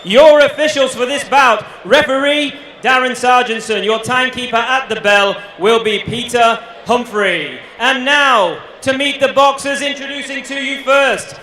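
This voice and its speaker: High-pitched male arena announcer, echoing. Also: pushed and bright. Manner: projected, drawn-out showman calls. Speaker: boxing ring announcer. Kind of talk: arena announcer introducing fighters. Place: indoor boxing arena. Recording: echoey venue PA, faint background noise.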